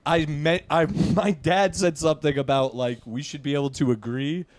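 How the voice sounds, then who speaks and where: A man's voice: a little high, fairly even intonation, normal speed. A young man co-hosting a podcast, telling long rambling anecdotes in casual chat and laughing mid-sentence. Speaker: podcast co-host.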